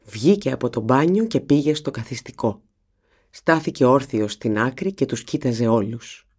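A narrator reading a children's novel aloud in an expressive storytelling manner. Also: medium pitch, breathy edge. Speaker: audiobook narrator.

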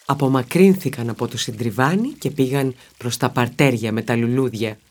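A woman narrating a children's story in a steady, expressive reading voice. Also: extremely low pitch.

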